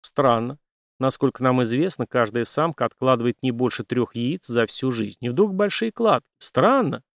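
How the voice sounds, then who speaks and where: A man reading an audiobook, voicing a gruff, weary aging male general who grumbles in a measured way. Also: mid-range voice, expressive, dry recording, clean studio sound, natural voice.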